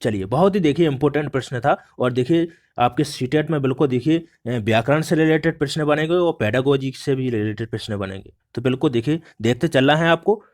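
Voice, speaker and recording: A man's voice: medium pitch, fairly quick, hardly any pauses, a little mellow. A male teacher explaining exam questions step by step, often repeating "look" as he walks through each answer. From India. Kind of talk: exam prep lesson.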